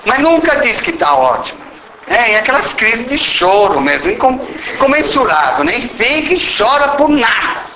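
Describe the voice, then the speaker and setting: A man with a very high, creaky voice speaks at normal speed but with huge swings in pitch. Using a Brazilian Portuguese accent, he teases and quizzes his audience and acts out small dialogues during an informal spiritual lecture in a meeting hall, where the roomy audio picks up background noise.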